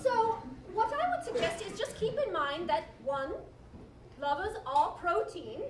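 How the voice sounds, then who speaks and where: A woman's voice: extremely high pitch, sing-song, measured pace, heavily acted. A woman playing a female sex-advice doctor who hosts a comic talk show, courteous, soothing and playfully grand. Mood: reassuring. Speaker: show host. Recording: echoey live venue, distant, noisy audience.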